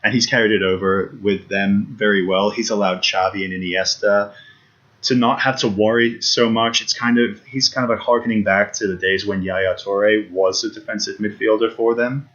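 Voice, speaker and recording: A low-voiced man co-hosts a casual football podcast and talks eagerly, circling back to his points with restarts and fillers. The audio is dull and lo-fi. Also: steady tone, moderate pace, fairly bright tone. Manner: eager, repeats himself, many restarts and fillers. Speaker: podcast co-host. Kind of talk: casual sports chat.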